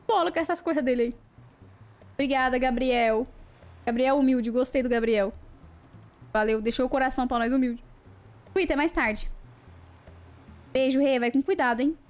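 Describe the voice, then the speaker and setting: A woman's voice: high voice, normal speed, pauses often, darkish tone. A young woman chatting casually on a livestream, playful and talkative, greeting viewers one by one. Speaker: live streamer.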